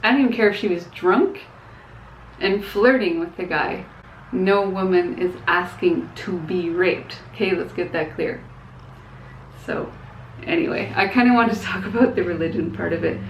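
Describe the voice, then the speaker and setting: A woman's voice: fairly low pitch, moderate pace, slight background noise. Frank, hesitant woman vlogging in echoey room. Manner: earnest and frank, hesitant with fillers and small laughs. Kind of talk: casual opinion vlog. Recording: echoey, dull room sound.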